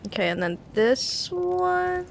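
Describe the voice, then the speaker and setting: A woman's voice: extremely high pitch, very animated, slow, vocal fry, a little hiss or hum. A young woman streaming a game, chatting casually and rambling, swearing now and then, into a cheap desk mic. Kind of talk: casual gaming stream chat. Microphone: cheap desk mic on an arm.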